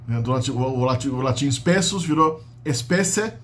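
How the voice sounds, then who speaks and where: A man's voice: medium pitch, expressive, brisk. A Brazilian man with a Brazilian Portuguese accent giving an unscripted linguistics lesson, explaining step by step with frequent tag questions and restarts. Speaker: linguistics teacher. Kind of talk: unscripted lecture.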